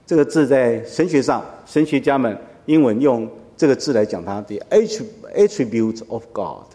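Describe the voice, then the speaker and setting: A man's voice: mid-range voice, lively intonation, normal speed, mellow. Preaching man in a reverberant hall. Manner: conversational teaching with frequent rhetorical questions. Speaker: pastor. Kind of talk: sermon.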